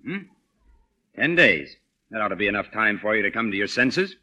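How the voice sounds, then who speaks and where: A man's voice: on the low side, very animated, normal speed, bright, forceful tone, heavily acted. An actor playing a wry, sarcastic, exasperated man with dry, clipped delivery in an old Hollywood comedy style.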